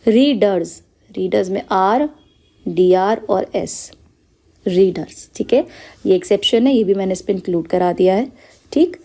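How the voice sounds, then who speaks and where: A woman's voice: mid-range voice, unhurried, mellow. A woman teaching a step-by-step stenography lesson, explaining each shorthand rule patiently and checking often that her students follow, with English terms mixed into her talk. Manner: explains patiently, checks with frequent "clear?" and "okay".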